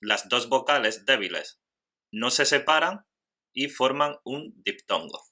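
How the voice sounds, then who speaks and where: A man teaching a grammar lesson in scripted narration, slowly and carefully spelling out syllables. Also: mid-range voice, animated, sharp tone.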